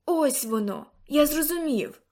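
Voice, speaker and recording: A woman reading an eager, excitable old grandfather in an audiobook, bursting into loud exclamations. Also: sits high, a little slow, voice pushed up. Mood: excited.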